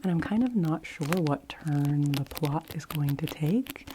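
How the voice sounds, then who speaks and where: A woman talking about books in a soft-spoken, hushed ASMR style close to a library whisper, gently delivered. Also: low-pitched, animated, measured pace, background noise. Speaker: book reviewer.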